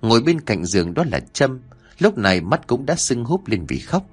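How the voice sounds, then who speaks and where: Brief: male horror narrator, husky, animated pitch, faint music behind. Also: normal speed. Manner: dramatic storytelling.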